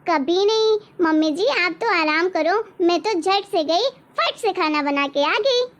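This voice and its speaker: A woman's voice: very high voice, expressive, unhurried, fairly bright tone, heavily acted. A woman voicing a sweet, eager young daughter-in-law in a cartoon story. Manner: sweet, reassuring.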